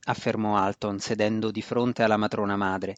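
A man's voice: fairly low pitch, flat delivery, normal speed, no echo. A man narrating a fantasy novel as a reader. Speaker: audiobook narrator. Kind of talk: scripted narration. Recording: dry, dull lo-fi recording.

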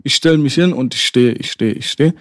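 A man's voice: mid-range voice, moderate pace, no echo. A young man in a casual chat, animatedly telling a school story to his friends and often calling them "Bruder".

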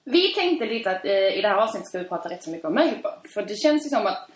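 A woman's voice: medium pitch, over loud music. A woman hosting a podcast, telling stories in casual chat and laughing often. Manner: lively storyteller, laughs often. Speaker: podcast host. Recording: echoey room.

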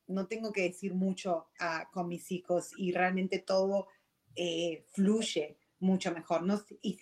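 A woman's voice: medium pitch, darkish tone. A woman with a Rioplatense accent, hosting and reflecting aloud with many hesitant fillers. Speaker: host. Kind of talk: conversational interview.

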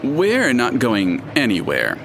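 A man's voice: mid-range voice, wildly swooping pitch, takes it slowly, gravelly, background noise, full character voice. A man as a pompous, lilting city narrator. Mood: arch, lofty. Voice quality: pompous, theatrical, arch. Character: wry, theatrical male narrator voice of the city. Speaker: narrator character. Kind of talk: audio drama acting.

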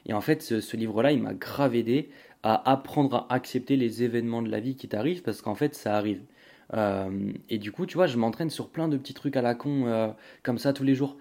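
A man's voice: medium pitch, brisk, mellow. A young man hosting a casual solo podcast, rambling with many fillers and restarts while talking straight to the listener. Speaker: podcast host.

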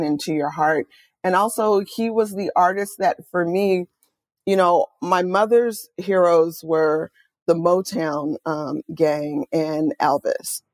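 A middle-aged woman from Oakland, California, an author and music journalist, tells stories enthusiastically in a conversational interview, animated and full of quoted asides. Her voice is lowish, with no room sound.

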